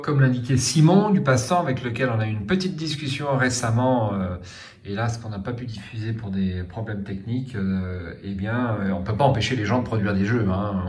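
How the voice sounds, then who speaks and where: A man's voice: fairly low pitch, a little mellow, roomy sound. A man hosting a board game channel, talking casually to his viewers with many fillers and restarts.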